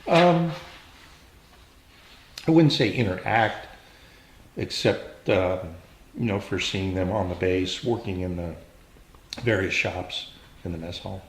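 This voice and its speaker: An older American man, a veteran remembering his service in an unscripted interview, speaking in a measured, halting way with reflective pauses. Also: deep voice, slight background noise. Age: older, around 70s. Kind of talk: unscripted oral history interview, reminiscing. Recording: roomy, echoing interview sound.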